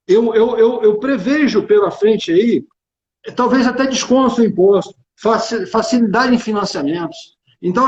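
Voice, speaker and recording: A high-pitched man from Rio de Janeiro, speaking Brazilian Portuguese with a Carioca accent, talks emphatically as a tax consultant and executive on a livestream. It's an informal live business discussion, and he's colloquial and opinionated, repeating phrases. The audio is dull and band-limited, captured in an echoey room.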